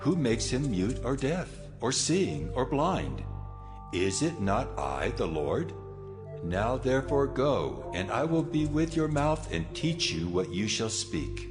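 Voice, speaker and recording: An actor playing a solemn, commanding, almighty God in a dramatized scripture audio production, declaiming with authority through a cavernous reverb. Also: male voice, mid-range voice, very animated, takes it slowly. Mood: stern. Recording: long reverb over loud music.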